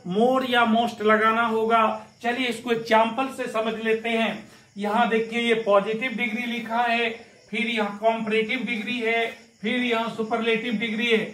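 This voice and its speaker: A man teaching English grammar, going slowly through examples and often checking in with the class. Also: very high-pitched, flat delivery, fairly bright tone, reverberant, rough recording. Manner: slow, repetitive, keeps checking with "है ना".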